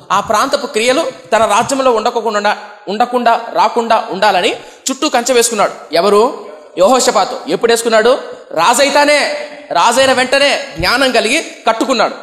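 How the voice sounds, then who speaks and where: A man's voice: sits high, fairly bright tone. A young man from India preaching a sermon, often asking the congregation questions and acting out comic quotes. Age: young adult. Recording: long hall reverb.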